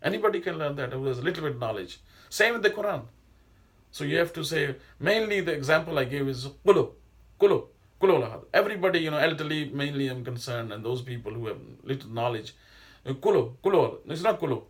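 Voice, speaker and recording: A middle-aged Islamic teacher, not a native Arabic speaker, gives an informal religious lesson that wanders and digresses, full of hesitations and restarts. His voice sits on the high side, and he talks fast and with animation.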